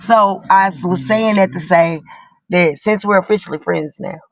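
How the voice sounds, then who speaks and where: A woman's voice: fairly low pitch, moderate pace, no echo. A woman in her forties from the American South with a Southern drawl, chatting casually in a slangy, profane, teasing way. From Southern United States. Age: 40s. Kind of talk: casual group voice chat. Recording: muffled, band-limited voice call.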